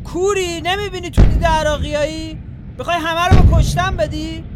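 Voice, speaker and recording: An actor playing a young wounded soldier, grieving and quick to anger, blunt and scolding. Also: male voice, high voice, very noisy, close to an everyday voice. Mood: angry.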